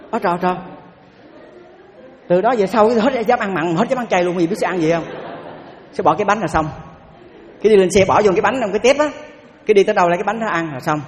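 A man, a Buddhist monk giving a dharma talk in an animated storytelling way, often repeating words and asking his listeners questions. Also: high voice, in a large hall. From south-central Vietnam. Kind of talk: dharma talk with personal anecdotes.

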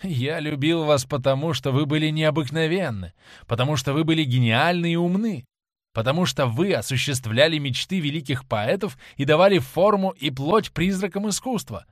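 A man's voice: fairly high pitch, moderate pace, dry recording, lightly acted. A man reading the part of a cruel young man in an audiobook, scornful and raising his voice, recorded dry. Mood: furious. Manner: scornful, raised voice.

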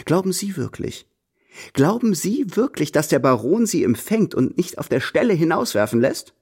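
A man's voice: on the high side, big pitch swings, normal speed, a little mellow, slightly rough, heavily acted. An actor playing a haughty, scheming French marquis in a radio drama, pompously slipping French phrases into his speech.

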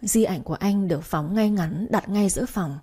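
A woman's voice: mid-range voice, normal speed, mellow, breathy edge. A woman narrating a first-person romance story in a mournful, emotional way, like an audiobook reading.

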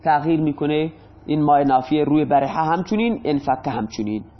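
This grammar lesson comes from a male teacher with a slightly high voice, who patiently repeats examples and answers his own questions. It's captured in a dull lo-fi recording.

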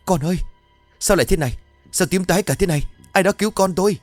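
A man's voice: high-pitched, fast, no echo, soft background music, voice pushed up, lightly acted. A man voicing a young father who stammers and cries out in panic. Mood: panicked. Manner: stammering, crying out.

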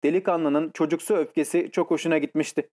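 A man reading an audiobook in scripted narration, telling the story in a measured, even way. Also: on the high side.

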